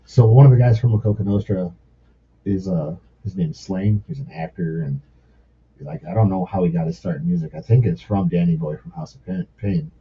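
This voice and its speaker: A man telling stories in a casual podcast chat, excitable and full of swearing. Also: deep voice, a little fast, a little hiss or hum. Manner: profane, excitable storyteller. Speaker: podcast guest. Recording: muffled lo-fi podcast audio.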